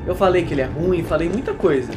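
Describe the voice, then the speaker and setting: A Brazilian man streaming live gameplay commentary, excitable and given to repeating himself, switching between yelling at the game and quiet apologies to his chat. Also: on the high side, quick pace. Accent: Brazilian Portuguese. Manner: repeats phrases over and over. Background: music.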